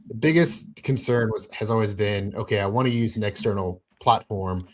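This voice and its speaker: A man with a fairly low voice explains things in an easygoing, matter-of-fact way. He breaks in to add points as the talk goes on. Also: moderate pace. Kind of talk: casual explanation.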